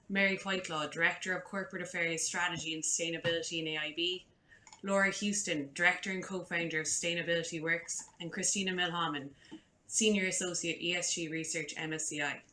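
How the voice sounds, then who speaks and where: A woman's voice: on the low side, bright, forceful tone, a little hiss or hum. A woman moderating an online panel, reading formal introductions from a script over a video call. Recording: roomy echo.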